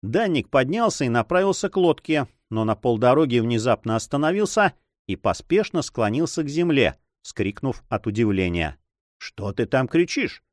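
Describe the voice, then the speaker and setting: A man reading an adventure novel aloud as narrator, in an expressive storytelling manner. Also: mid-range voice, normal speed, hardly any pauses, no room sound, clean studio sound. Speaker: audiobook narrator. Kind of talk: scripted narration.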